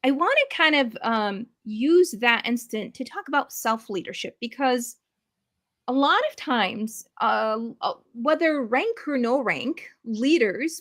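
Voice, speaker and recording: A woman's voice: a little high, fairly bright tone. A woman hosting an interview, speaking hesitantly with many fillers and restarts while affirming her guest. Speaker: host.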